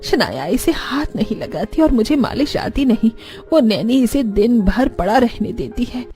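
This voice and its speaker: A woman's voice: fairly high pitch, animated, measured pace, warm tone, faint music behind. A woman voicing an older grandmother who scolds her daughter-in-law in a cartoon story. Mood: worried. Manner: scolding, indignant. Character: stern older village grandmother, scolding, devout.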